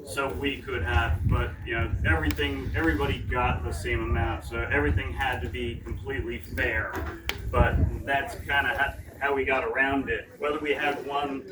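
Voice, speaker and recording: A man at a live convention Q&A, explaining things in a loose, rambling way full of restarts. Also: mid-range voice. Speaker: guest answering fan questions. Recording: far-off mic in echoey, very noisy hall.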